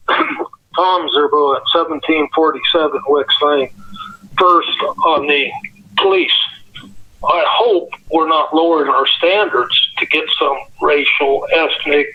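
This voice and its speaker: A man's voice: a little high, slow pace. A man calling in to give blunt public comment at a council meeting, heard over a phone speaker. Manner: blunt, complaining. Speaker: caller giving public comment. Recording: dull lo-fi phone line.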